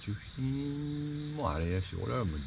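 A man chatting casually, explaining things in halting, trailing dialect phrases. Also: mid-range voice, big pitch swings. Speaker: camping vlogger. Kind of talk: casual chat over food and drinks. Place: inside a tent. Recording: noisy ambient tent recording.

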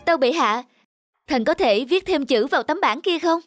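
This high-pitched, animated woman moves at a moderate pace as she voices a cartoon folk tale. As narrator and every character, she acts expressively with music in the background.

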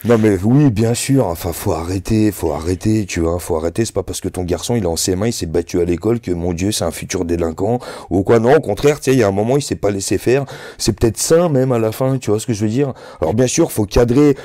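This rapper in his thirties, a non-native French speaker, chats slangily and loosely in a sit-down interview, leaning on "tu vois" as a filler. His voice is lowish, quick and mellow, captured with studio quality and no room sound.

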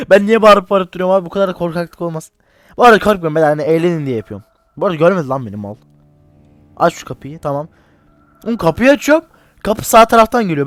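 Young man, high voice, horror gameplay commentary, jumpy, swearing, joking, dry close mic. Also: dry recording. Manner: jumpy, swears and yelps when scared, joking. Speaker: gaming channel host. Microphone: desk mic, separate from game audio.

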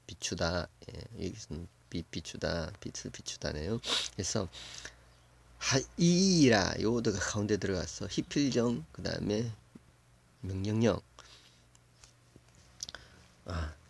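A man with a low, gravelly voice gives a slow, casual Bible lesson, thinking aloud as he goes. He lingers over each word and repeats it before explaining what it means. The recording is close and dry. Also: a little mellow, dry recording. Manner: slow, musing, thinks aloud with many fillers and repeated words; sounds out Hebrew words slowly, then glosses them. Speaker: Bible Hebrew teacher.

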